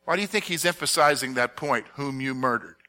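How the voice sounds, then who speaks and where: A man teaching a Bible passage as a pastor, animated and posing fill-in-the-blank questions to his listeners. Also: mid-range voice, brisk. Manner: animated, asks the audience to fill in words. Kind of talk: expository sermon with audience questions.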